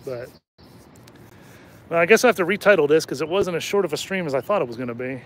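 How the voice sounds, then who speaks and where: A man hosting a casual livestream outdoors at night, jokey and rambling, his throat slightly hoarse from talking. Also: on the high side, expressive, quick pace. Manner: rambling and jokey, laughs often. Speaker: channel host and rideshare driver.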